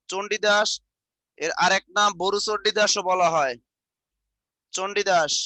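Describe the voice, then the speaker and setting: A man with a Barishal Bengali accent teaching an online exam-prep lecture, repeating points slowly for students to write down, with chatty asides. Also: high voice, sharp tone, no echo. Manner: repetitive dictation, chatty asides.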